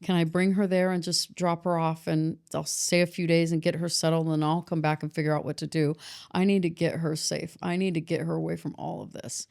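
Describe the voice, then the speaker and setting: A middle-aged woman, an author appearing as a podcast guest, haltingly recounts a painful personal story, frequently restarting and becoming emotional. Her voice is deep, level-toned, creaky, and a little mellow.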